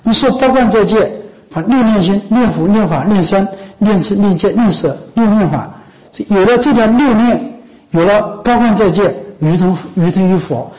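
Casting note: male monk, fairly high-pitched, chatty dharma talk to lay followers, keeps checking that they follow along. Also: normal speed, a little mellow, poor audio. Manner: conversational, often asks "知道吗？" and "是不是？"; coughs now and then, a few restarts. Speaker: Buddhist monk teacher.

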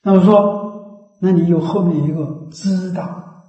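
A man's voice: sits high, steady tone, unhurried, warm tone. A man giving a Buddhist dharma talk, emphatic and repetitive, often asking his listeners rhetorical questions. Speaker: Buddhist teacher. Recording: echoey, dull lo-fi recording.

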